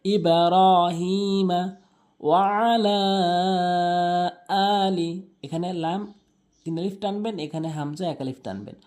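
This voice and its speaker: A man teaching correct prayer pronunciation, drawing out recited phrases slowly and then explaining the rules in quick asides. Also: high-pitched, lively intonation, darkish tone. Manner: alternates slow drawn-out chanted recitation with quick spoken explanations. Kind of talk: tajweed pronunciation lesson.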